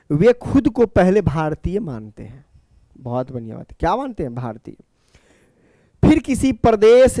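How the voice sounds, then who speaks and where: A man's voice: on the high side, a little mellow, no echo, clean studio sound. A man teaching a class. He explains each point by repeating it and answers his own questions. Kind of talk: classroom lecture.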